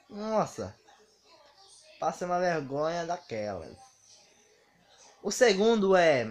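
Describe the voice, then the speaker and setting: Guy telling embarrassing stories. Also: fairly high pitch. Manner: animated, acts out quoted dialogue. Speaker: vlogger. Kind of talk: casual storytelling monologue.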